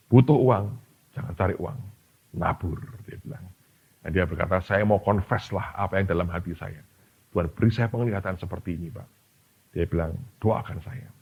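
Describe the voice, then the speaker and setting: A man's voice: on the low side, vocal fry, husky. A man, preaching a sermon as a pastor and telling stories with acted-out voices. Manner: animated storytelling, acting out voices in quotes. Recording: dull lo-fi sermon recording.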